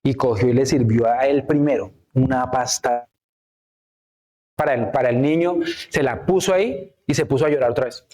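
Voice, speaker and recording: A man's voice: medium pitch, moderate pace, darkish tone. A man preaching a sermon to a church congregation, often checking in with the listeners and acting out the words of biblical characters. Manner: frequent rhetorical checks with the congregation. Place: church in Canada.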